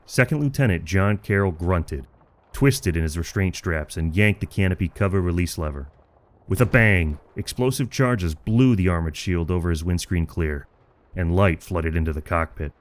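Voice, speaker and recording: A man reads a military adventure with dramatic, scripted delivery in a low-pitched voice. He narrates in a measured and grave manner.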